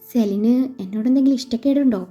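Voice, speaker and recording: A woman voicing a gentle young male doctor who speaks earnestly to his fiancée in a read-aloud story. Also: fairly high pitch, quick pace, natural voice. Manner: soft, earnest questioning. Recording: slightly dull with faint music.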